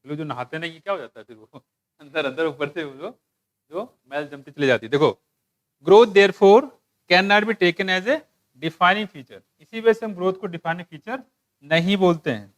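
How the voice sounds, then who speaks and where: A man teaching a biology class, asking students questions, joking and reading textbook lines slowly. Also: fairly high pitch, animated. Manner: asks students questions and jokes, mixing Hindi with English textbook lines; slows down to read English lines aloud. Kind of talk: classroom lecture.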